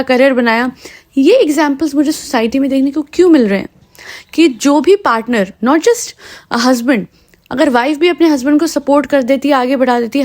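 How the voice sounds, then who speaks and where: A woman's voice: high-pitched, a little mellow. A woman hosting a podcast, giving indignant, sarcastic commentary that switches between Hindi and English. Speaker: podcast host.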